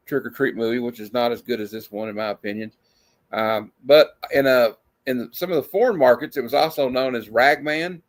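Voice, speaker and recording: A man hosting a horror movie show in a casual horror-host manner, chatting loosely as on a livestream. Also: medium pitch.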